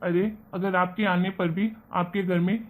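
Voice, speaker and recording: A man voicing a kind, earnest young husband and son in an animated family story. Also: high-pitched, measured pace, phone-quality sound. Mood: pleading. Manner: earnest, persuasive.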